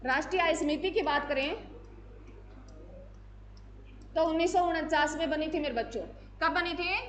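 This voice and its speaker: A woman teacher with a high voice runs an exam-prep lesson. She fires off questions and answers them herself, repeats key facts and addresses her students as "my children". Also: moderate pace. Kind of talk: exam-prep classroom lecture.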